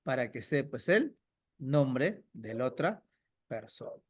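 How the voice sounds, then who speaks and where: A male teacher leads an online class at an unhurried pace, letting his pitch rise and fall freely as he explains. He questions students one by one and repeats answers slowly so they can follow. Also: sing-song. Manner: patient, questions students by name. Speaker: language teacher.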